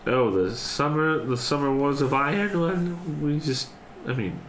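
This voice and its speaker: A man's voice: mid-range voice, a little slow, fairly bright tone, pitched above the performer's own voice, lightly acted. A man voicing a polite, chatty mouse matron in a tabletop game, rambling hesitantly and matter-of-fact about grim things. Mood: resigned. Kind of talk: tabletop role-play. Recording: roomy echo with background noise.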